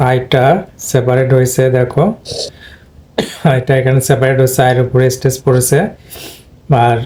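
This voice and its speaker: A man with a Bangladeshi accent teaching English pronunciation in a slow, deliberate lesson, drawing out and repeating each word he demonstrates. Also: mid-range voice, mellow.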